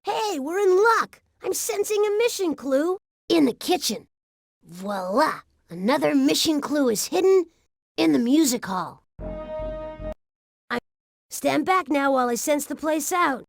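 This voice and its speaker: A woman's voice: high voice, big pitch swings, measured pace, vocal fry, pauses often, exaggerated voice. A woman voicing an eager, chirpy little robot guide. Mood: upbeat. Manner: upbeat, instructive. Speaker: game guide. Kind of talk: 1990s educational game voice acting.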